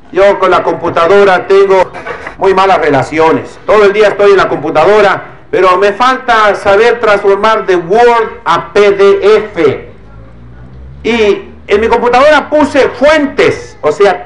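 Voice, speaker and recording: A man's voice: sits high, fairly bright tone, poor audio. A man preaching a sermon as a priest. He scolds and admonishes, and he uses homely everyday examples.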